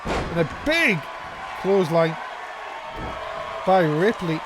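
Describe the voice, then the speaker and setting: A man calling a wrestling match play-by-play as a commentator, in an excitable, exclaiming manner. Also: sits high, takes it slowly. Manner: excitable, exclaiming at big moves. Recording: loud crowd noise behind commentary. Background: noisy crowd.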